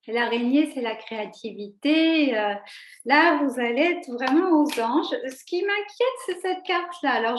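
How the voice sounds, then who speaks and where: A woman's voice: sits high, slight background noise. A woman giving a casual tarot reading, rambling with many fillers and restarts. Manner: chatty, talks to her cat in a cooing voice. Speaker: tarot reader. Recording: echoey room.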